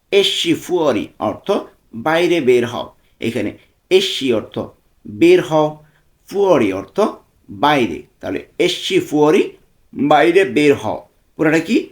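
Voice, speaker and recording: Lively man teaching phrases slowly. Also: on the high side. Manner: slow, repetitive drilling of phrases with translations. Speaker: language tutor. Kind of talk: language lesson.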